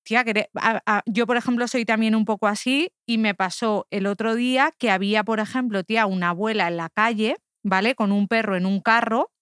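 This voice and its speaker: A young woman, telling an animated story as a guest on a podcast and laughing often. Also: mid-range voice, a little fast, few pauses, clear, resonant tone, no echo, clean studio sound. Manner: animated, laughing, quotes people in voices, says "tía" a lot. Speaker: guest contributor. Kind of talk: casual podcast chat, storytelling.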